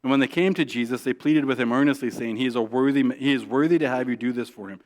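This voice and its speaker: A male pastor preaching a sermon in a conversational way, often asking "right?" and restarting his sentences. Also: medium pitch. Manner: acts out quoted prayers in a soft, hushed voice; halting restarts and repeated words.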